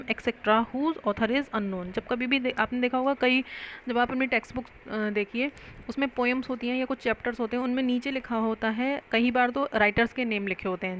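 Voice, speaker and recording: A young woman with an Indian accent teaching vocabulary, slowly explaining words and asking her students questions before answering them herself. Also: a little high, fairly bright tone, a little hiss or hum, rough recording. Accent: Indian English. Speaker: English teacher. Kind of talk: Hindi-English vocabulary lesson.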